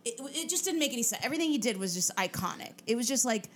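A woman's voice: a little high, animated, rapid-fire, slight background noise. A woman co-hosting a casual podcast chat, telling a story with energy, swearing freely and acting out what people said. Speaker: podcast co-host.

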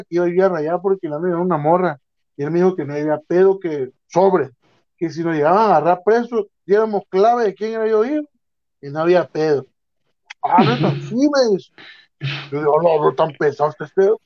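A young man from Mexico, telling a story in casual chat, slangy and animated, acting out the other people's voices. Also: high voice, brisk. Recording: dull lo-fi sound.

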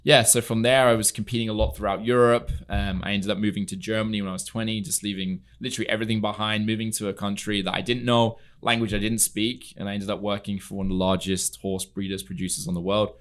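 A young Englishman with a lowish voice speaks fast and evenly, barely pausing, as a guest in a podcast studio. He's an equestrian entrepreneur chatting casually in an interview, telling stories earnestly and leaning on lots of fillers.

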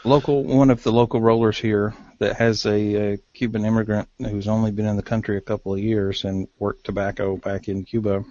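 A man's voice: lowish voice, flat delivery, brisk, hardly any pauses, warm tone, dry recording, dull audio. A man with an Appalachian hillbilly accent, chatting casually as co-host of a podcast. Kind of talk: casual cigar talk.

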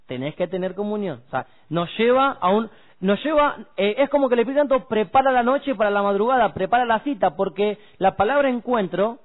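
A man, talking about faith on a radio show in a preachy, emphatic way and using homely examples. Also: sits high. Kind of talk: casual devotional radio chat. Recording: tinny phone-like radio audio.

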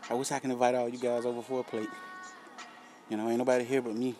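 A young man talks casually in a relaxed, warm voice with faint music behind him. His delivery is slangy and profane, peppered with tags that check the listener agrees. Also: medium pitch, fast talker. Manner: laid-back, slangy, profane, filler tags seeking agreement. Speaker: rapper promoting own music. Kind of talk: casual solo vlog chat.

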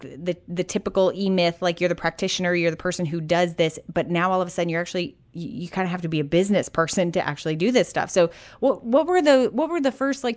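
A North American woman hosting a podcast in an informal, effusive and emphatic conversational way. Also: on the low side. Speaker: podcast host.

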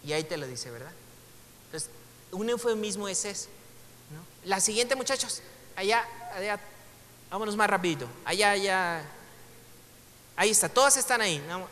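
A Mexican man with a high, bright voice teaches a relaxed Bible class. He chats with his students, jokes along the way and reads passages aloud. The sound carries a long reverb from a large room. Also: moderate pace, pauses often, slight background noise. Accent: Mexican Spanish. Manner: conversational, joking asides, reads passages aloud. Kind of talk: casual classroom lecture.

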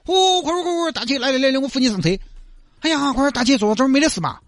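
A man's voice: very high-pitched, animated, rapid-fire, dry recording, voice pushed up. A man voicing a kindly, fussing middle-aged bus driver with a Sichuanese accent who coaxes and chatters. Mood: coaxing.

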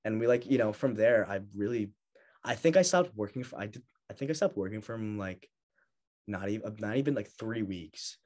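A young man chatting in an interview, telling stories in a lively way and laughing often. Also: lowish voice, normal speed. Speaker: guest bodybuilder. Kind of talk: casual interview chat.

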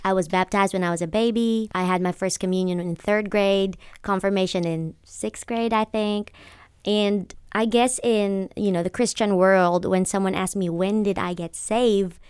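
A young woman from the Philippines talks as a podcast guest. Her voice is smooth and resonant, set in a middle range. The sound is close and dry, and she tells her story in an earnest, friendly way. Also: mid-range voice, steady tone, moderate pace, darkish tone, dry recording. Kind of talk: casual conversation.

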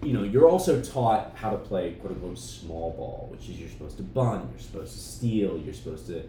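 A man explaining sports strategy in casual chat, thoughtful and steady, with lots of fillers. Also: sits low, normal speed, echoey room, far from the mic, a little hiss or hum, rough recording. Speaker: podcast co-host.

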